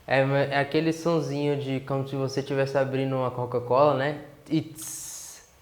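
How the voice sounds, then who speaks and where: A man's voice: mid-range voice, level tone. A man from the São Paulo interior with its accent, teaching a beginner English lesson and patiently repeating each word. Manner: patient, drills words slowly and repeats them. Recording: echoey room.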